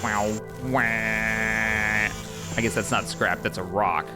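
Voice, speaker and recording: A man's voice: lowish voice, steady tone, slow, over loud music. A man streaming a game live, chatting casually, reading on-screen prompts aloud and answering his chat. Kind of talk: casual live gameplay commentary.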